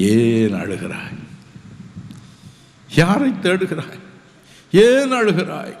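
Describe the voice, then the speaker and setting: A man's voice: lowish voice, darkish tone, in a large hall. A man preaching a sermon, emphatic and repetitive, with reassuring appeals to his listeners.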